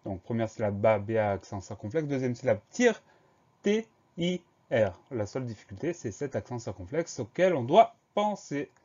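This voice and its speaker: Man slowly spelling out words. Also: mid-range voice, lively intonation, mellow, breathy edge, dull audio. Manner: slow, careful spelling out letter by letter. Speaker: teacher. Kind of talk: dictation lesson.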